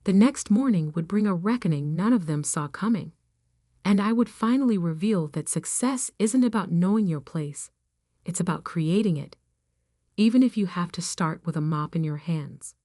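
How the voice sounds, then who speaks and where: A woman with a fairly low voice reads a dramatic first-person story aloud. Her delivery is steady and even, and the recording is dry, with no room echo. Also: moderate pace. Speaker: narrator.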